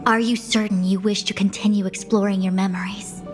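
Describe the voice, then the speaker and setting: A composed, philosophical female game character, acted by a woman. Her medium-pitched voice is formal and measured, coolly inquisitive, with music clearly behind. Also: little pitch movement, natural voice. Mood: calm, probing. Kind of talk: video game voice acting.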